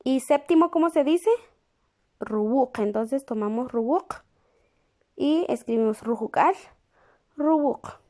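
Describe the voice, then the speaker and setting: A woman teaching a lesson, speaking patiently and pausing to check in with the class. She repeats each word slowly while writing it down. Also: sits high, a little mellow. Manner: checks in with the class through questions. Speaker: language teacher.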